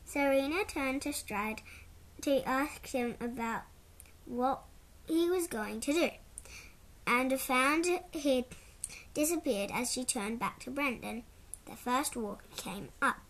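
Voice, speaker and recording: A woman narrating a children's storybook in a measured, clear way. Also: sits high, a bit bright.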